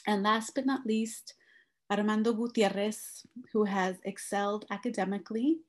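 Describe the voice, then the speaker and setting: A woman reads out introductions of students in a steady, scripted way. She speaks as an event host. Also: medium pitch. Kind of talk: reading introductions.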